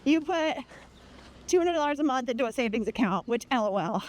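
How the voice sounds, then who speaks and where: A woman chatting casually and candidly while running in the heat, playful and quick to swear. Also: sits high, expressive.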